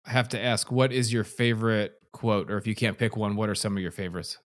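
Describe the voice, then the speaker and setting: A man's voice: lowish voice, steady tone, fast. An American man hosting a podcast, laid-back and casual, often saying "man" and "awesome". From United States. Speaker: podcast host. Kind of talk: casual interview chat.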